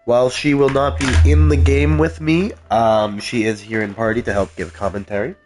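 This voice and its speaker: Soft background music plays as a man live-streams a video game, his medium-pitched voice steady in tone and moderately paced. Stuffed up from a cold, he's soft-spoken and casual, reading game text aloud with plenty of ums.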